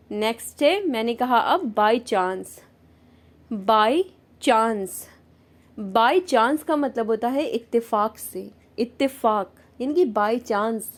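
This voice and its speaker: A woman teaching English vocabulary in Hindi with an Indian accent, patiently repeating each word and its meaning. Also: fairly high pitch. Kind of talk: slow vocabulary lesson with repetition.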